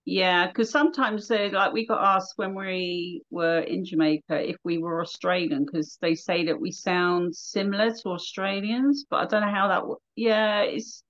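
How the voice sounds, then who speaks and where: A woman from southern England, a radio presenter, chats casually in an interview, full of fillers and quick to laugh. Her fairly low, slightly bright voice has even intonation and a moderate pace with hardly any pauses, recorded with lo-fi sound.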